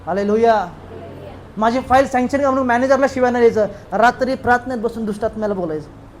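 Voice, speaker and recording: A man's voice: extremely high pitch, quick pace, slight background noise. A man pastor with a Marathi accent preaching a sermon in a church hall, emphatic and calling out hallelujahs. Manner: emphatic, calls out hallelujahs with the congregation.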